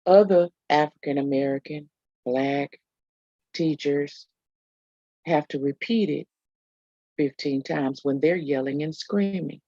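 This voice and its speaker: A woman's voice: sits low, slow, pauses often, warm tone, no echo, muffled recording. A woman co-hosting a casual podcast, emphatic and talking straight to listeners as y'all. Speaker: podcast co-host.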